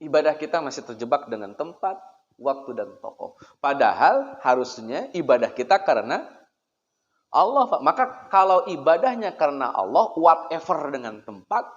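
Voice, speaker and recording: A man's voice: fairly high pitch, very animated, normal speed. Chatty male preacher in an echoey hall. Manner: chatty, poses rhetorical questions, keeps addressing listeners as sir. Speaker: Islamic preacher. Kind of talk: conversational religious lecture. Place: prayer room. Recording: echoey hall, dull lo-fi sound.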